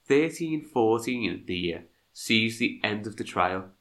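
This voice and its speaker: Nasal and stuffed up with a cold, a male podcast co-host goes back and forth between reading history narration from a script and making chatty asides. His voice is on the low side and a bit bright, slow but with lively intonation.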